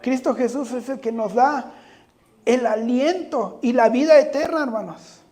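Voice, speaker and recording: A man's voice: extremely high pitch, a little slow, dark tone. A man preaching a sermon, speaking earnestly, often putting rhetorical questions to the congregation and addressing them directly.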